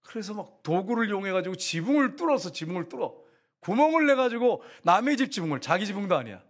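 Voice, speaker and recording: A middle-aged man preaching a sermon. His voice sits high, and his pitch swings widely as he throws questions out to the congregation. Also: sing-song, fast, breathy edge. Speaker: pastor.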